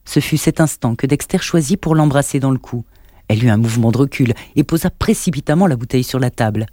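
A man narrating a romance novel, even and measured. His voice is mellow and warm, at a middle pitch. The recording is close and dry, with no room sound. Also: dry recording. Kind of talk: scripted audiobook narration.

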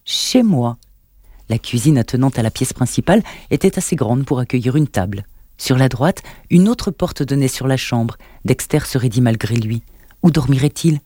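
A man narrating a novel in an even, measured storytelling manner. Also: mid-range voice, no echo, clean studio sound. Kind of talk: scripted audiobook narration.

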